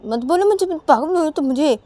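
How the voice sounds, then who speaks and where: A woman's voice: animated, normal speed, dark tone. A woman doing a whiny, tearful young woman. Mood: sulky. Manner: pleading, high and tearful. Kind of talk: amateur storytelling, all voices.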